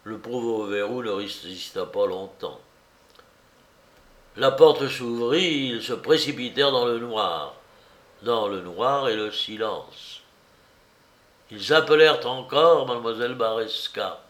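Homme lisant un roman, lent et dramatique. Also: male voice, medium pitch, fairly bright tone. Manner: slow, dramatic storytelling. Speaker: audiobook reader. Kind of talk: novel narration read aloud. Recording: roomy echo.

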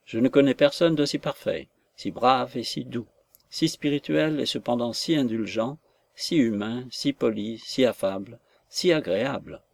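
A gentle, distressed young woman, voiced by a male reader, speaks from the pages of an audiobook. Her delivery is tender and pleading, a heroine pressed hard, read in a medium-pitched voice. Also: normal speed, vocal fry, dry recording, natural voice.

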